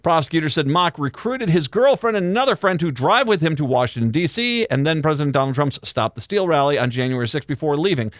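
A man hosting a radio talk show, speaking in an animated, conversational and emphatic way. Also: on the high side, fast talker, few pauses, no room sound, studio quality. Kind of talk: live radio talk and news commentary.

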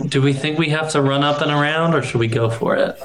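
A man's voice: a little high, quick pace, a little hiss or hum, low-quality recording. A man playing a tabletop game, talking plainly as he weighs his options. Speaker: player. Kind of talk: casual tabletop play.

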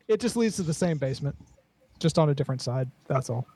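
A man's voice: on the high side, lively intonation, fast, mellow. A man running a tabletop game as game master, laid-back, often laughing and repeating himself.

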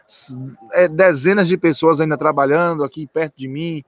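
A man's voice: fairly high pitch, moderate pace, no room sound, clean studio sound. A man giving post-match football analysis from a stadium's stands, speaking emphatically and repeating key points.

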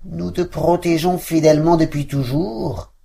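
A woman's voice: low voice, fairly even intonation, measured pace, creaky, warm tone, pitched above the performer's own voice. A woman voicing loyal guard dogs who reproach their mistress, in a storybook reading. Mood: resentful. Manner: barking reproach.

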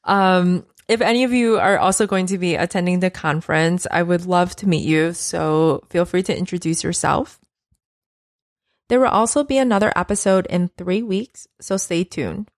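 On a studio-quality nursing podcast with no echo, a woman with a lowish voice talks at normal speed. She's a nurse educator giving a direct, matter-of-fact lecture, instructing listeners step by step in the second person.

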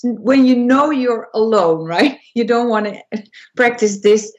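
A woman who is a voice and persuasion coach, explaining to an interviewer, with frequent restarts and high and low demonstrations. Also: animated, unhurried, dull audio. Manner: demonstrates pitch shifts, squeaky high then low voice. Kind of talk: interview conversation.

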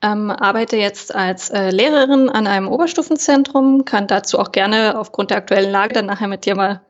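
A young German woman chats casually as a podcast guest in an interview, with plenty of hesitations and fillers. Her mid-range voice moves at a moderate pace, and the recording sounds dull and lo-fi.

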